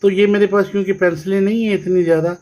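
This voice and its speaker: A man's voice: high-pitched, steady tone, fast talker, darkish tone, poor audio. A male teacher explaining English phonics, spelling words out sound by sound and repeating them.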